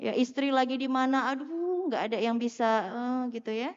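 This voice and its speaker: A woman preaching in a mosque hall, her high voice carrying long echoes. She is animated and playful and keeps asking the crowd questions, and the sound is muffled. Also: normal speed. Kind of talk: lively sermon to a live audience.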